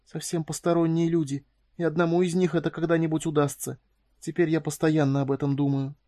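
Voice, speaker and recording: A man's voice: a little high, flat delivery, a little fast, warm tone, no room sound, studio quality, pitched above the performer's own voice, natural voice. A man doing a frightened tearful young woman. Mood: pleading. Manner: raised, emotional, pleading. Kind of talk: audiobook character voicing.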